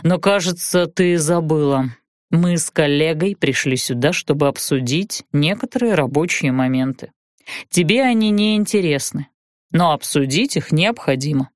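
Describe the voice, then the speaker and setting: A woman voicing a sarcastic exiled male aristocrat who speaks in a dry, measured way. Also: low voice, dry recording, voice pushed down, close to an everyday voice. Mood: sardonic.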